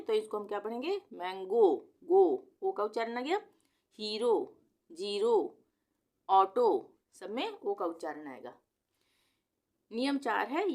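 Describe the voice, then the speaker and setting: A woman teaching pronunciation rules in Hindi, patiently repeating each rule and asking her viewers rhetorical questions. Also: mid-range voice.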